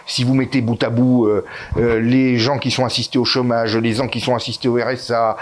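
Speaking fairly quickly with little pitch movement, a mid-range male voice belongs to an Italian guest in a political interview. He stumbles through fillers and restarts, yet stresses important words forcefully, rising in emphasis.

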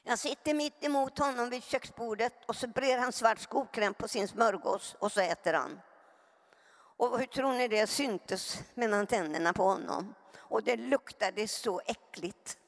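A woman giving an earnest personal testimony to a live audience, often turning to them with direct questions. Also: on the high side. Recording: long hall reverb.

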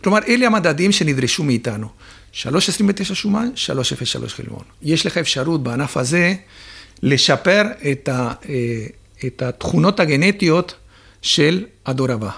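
A man talks about dairy farming in an interview, explaining things one step at a time and pausing often to find his words. His voice is gravelly and a little husky, and it sits fairly high for a man. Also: lively intonation, a bit bright. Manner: explains step by step with many filler pauses.

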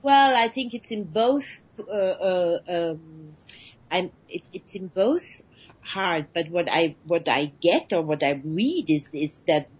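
Woman radio guest, slightly husky, hesitant, lots of restarts. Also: lowish voice, lively intonation, rough recording. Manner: halting, many restarts, searching for words. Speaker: guest, actress. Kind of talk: radio interview conversation.

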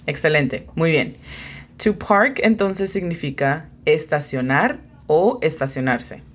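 A woman, a language teacher and host, leads a beginner lesson on a bilingual English lesson podcast, patiently explaining vocabulary, spelling words out, and encouraging her student. Her voice is low-pitched and animated, and she speaks at a slow pace.

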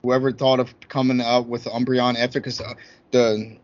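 A man's voice: medium pitch, level tone, normal speed, no echo. A man in his thirties chatting casually as a podcast guest, with a slangy frat-bro way of talking. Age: 30s. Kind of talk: casual chat about video games. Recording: dull, lo-fi audio.

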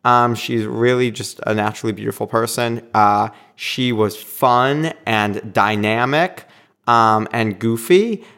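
A man with a Boston accent, talking as a guest in a casual, reflective interview and pausing often to search for words. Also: medium pitch, a bit bright. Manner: thoughtful, pauses often with filler words. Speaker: podcast guest.

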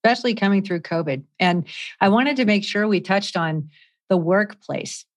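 A woman's voice: medium pitch, moderate pace. A woman hosting a podcast interview, speaking conversationally and often restarting her sentences. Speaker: podcast host.

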